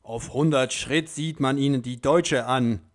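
A man voicing a gruff elderly male gatekeeper saint who barks orders loudly, with a lilt. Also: mid-range voice, measured pace, close to an everyday voice. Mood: brusque. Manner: loud, barking orders.

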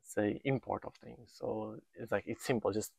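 A man's voice: fairly low pitch, steady tone, normal speed, gravelly, darkish tone, slightly rough, dry recording. Hesitant man on a dry lapel mic. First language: Portuguese. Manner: hesitant, searching for words with many restarts. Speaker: volunteer builder. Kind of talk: casual on-site interview. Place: outdoor building site in the countryside.

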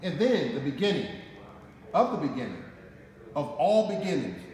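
A Detroit firefighter in his forties, with an American accent, reads a picture book aloud in a deliberate, dramatic, emphatic way; his voice is a little high, sing-song and slightly mellow. He's indoors in a concrete-floored fire station garage, picked up by a camera a short distance away, so the sound is echoey with noticeable background noise.

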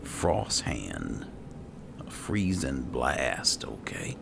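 Muttering to himself, a man gives casual commentary while playing and roleplaying a fantasy game. His voice rumbles low with huge pitch swings, and he speaks very slowly. The recording is clear, with background noise and game ambience.

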